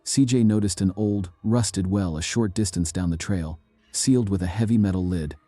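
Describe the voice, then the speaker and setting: A man narrates eerie tales in a slow, measured, ominous way. His voice sits very low and dark, recorded close and dry with no room around it. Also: dry recording. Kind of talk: scripted narration.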